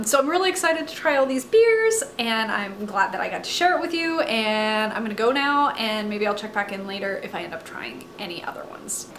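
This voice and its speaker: A woman's voice: mid-range voice, a bit bright, reverberant, a little hiss or hum. A young woman in her twenties, chatting casually and self-mockingly in her living room, with lots of "like" fillers. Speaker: vlogger. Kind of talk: casual vlog chat.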